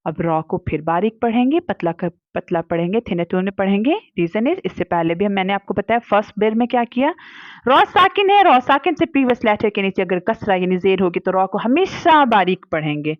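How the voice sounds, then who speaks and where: A woman's voice: medium pitch, big pitch swings, no room sound, highs cut off. Patient woman teaching Quran reading. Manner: patient explaining, slow drawn-out demonstrated syllables; mixes English words into Hindi speech. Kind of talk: Quran recitation lesson for kids.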